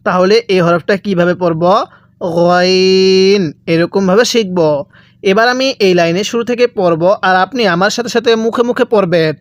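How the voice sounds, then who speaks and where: A man's voice: high-pitched, fairly quick, no echo, studio quality. A man teaching how to pronounce Arabic letters, patiently repeating each one and asking the viewer to say it back. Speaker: Quran reading teacher. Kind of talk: step-by-step recitation lesson.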